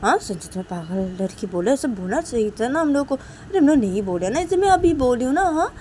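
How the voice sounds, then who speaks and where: A woman's voice: high voice, very animated, fairly quick, a little mellow, a little hiss or hum, pitched above the performer's own voice. A woman playing a fussing, scolding grandmother. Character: scolding grandmother, apologetic and fierce.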